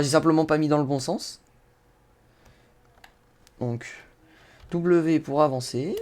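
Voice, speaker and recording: A man's voice: a little high, darkish tone. A man giving casual game tutorial commentary, talking straight to his viewers and laughing and swearing at his own mishaps. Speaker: gaming YouTuber.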